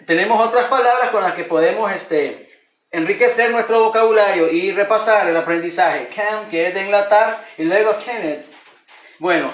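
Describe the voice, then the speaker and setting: A man presenting a grammar lesson, explaining each rule step by step and repeating the example words slowly. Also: high voice, a bit bright, echoey room. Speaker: student presenter teaching English grammar. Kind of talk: spoken lesson in Spanish.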